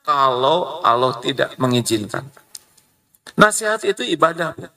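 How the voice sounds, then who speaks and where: Middle-aged male preacher, gravelly edge, heard from a distance off the mic. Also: unhurried. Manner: lively, swings high for emphasis and imitation. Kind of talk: sermon.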